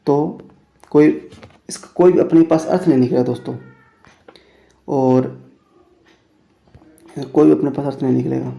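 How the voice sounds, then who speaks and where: A man teaching Hindi grammar in a classroom lesson, repeating phrases slowly and calling his listeners friends. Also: on the high side, creaky, mellow. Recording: echoey room.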